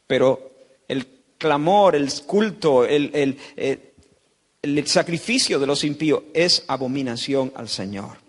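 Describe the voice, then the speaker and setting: A man from Spain preaching a sermon as pastor, swinging from quiet, low passages to loud, impassioned pleading. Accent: Spain Spanish. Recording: long hall reverb.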